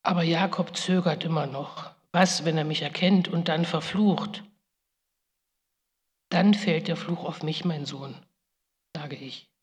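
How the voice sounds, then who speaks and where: A woman's voice: deep voice, slow pace, pauses often. A woman playing Rebekka, a guilt-ridden biblical mother, in a solemn, grave first-person monologue with pleading outbursts, in a big reverberant hall. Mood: solemn lament.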